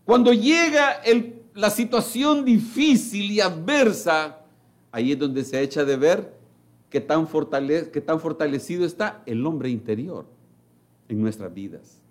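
High-voiced, slow, dramatic male preacher. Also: lively intonation. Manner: emphatic, with big swings in pitch and loudness; acts out voices of people in his stories. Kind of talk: sermon.

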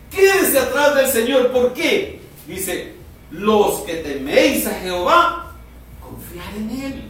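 Preacher guy, high-ish voice, slow drawn out sermon, big echoey hall from far off. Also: slight background noise. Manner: slow emphatic preaching, drawn-out words, sudden loud peaks. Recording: echoey room, heard from far off.

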